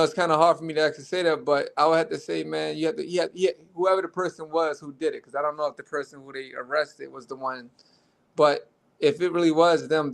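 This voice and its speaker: A young man with a Baltimore accent talks casually, circling back and restarting his thoughts as he tells a story. His voice sits a little high and carries a gravelly rasp. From Baltimore, Maryland. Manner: relaxed, rambling with restarts. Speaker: guest.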